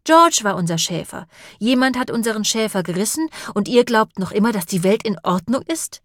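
A woman's voice: medium pitch, lively intonation, moderate pace, no room sound, close to an everyday voice. A woman voicing a clever, determined female sheep detective in an audiobook, speaking with earnest insistence in a dry recording. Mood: angry. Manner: earnest and insistent, rising to anger. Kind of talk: audiobook character voice.

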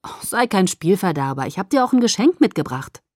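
A woman's voice: medium pitch, sing-song, brisk, dry recording, studio quality. A woman reading the part of a teenage werewolf boy in a novel, teasing at first, then muttering and sarcastic.

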